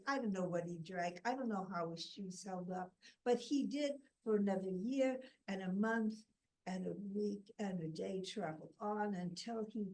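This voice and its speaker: A woman telling a folk tale to an audience in a deliberate, drawn-out storytelling manner. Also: mid-range voice, a little mellow, recorded from a distance, rough recording.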